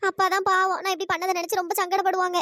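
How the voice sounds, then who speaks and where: A woman's voice: very high-pitched, little pitch movement, rapid-fire, pushed and bright, dry recording. A woman voicing a tearful young woman in a cartoon story, pleading as she prepares to leave home. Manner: sobbing, pleading.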